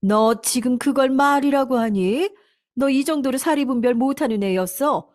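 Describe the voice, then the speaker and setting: A woman's voice: high-pitched, normal speed, pitched above the performer's own voice, natural voice. Woman doing a stern, scolding mother-in-law. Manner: scolding, sharp.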